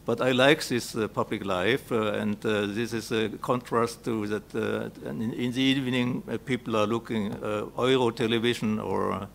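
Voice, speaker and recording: A man with a German accent speaking haltingly at a conference round table, with many filled pauses and repeated words. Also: mid-range voice, fairly even intonation, creaky. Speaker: panel speaker. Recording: noisy live conference room recording.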